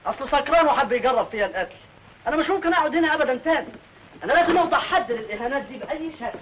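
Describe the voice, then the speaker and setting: A man's voice: very high-pitched, expressive, very fast, background noise. An actor with an Egyptian accent playing a flustered, fearful, put-upon man who protests frantically, in classic film comedy style. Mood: indignant.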